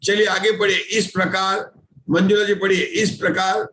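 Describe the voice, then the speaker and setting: A man's voice: sits high, flat delivery, moderate pace, fairly bright tone, reverberant, low-quality recording. A man teaching an online scripture class, patiently explaining formulas step by step and checking often that everyone follows.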